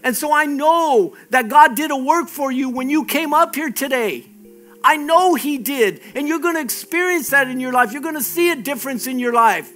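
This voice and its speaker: A man's voice: extremely high pitch, expressive, moderate pace, sharp tone, faint music behind. A man preaching a sermon as pastor, emphatic and exhorting, often repeating his phrases.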